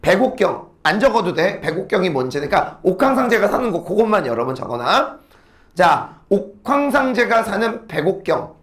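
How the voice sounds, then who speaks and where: Animated male teacher, quizzing his class. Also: high-pitched. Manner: lively, talks in rhetorical questions and answers them, blunt slang. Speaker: Korean literature teacher. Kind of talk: lecture to students.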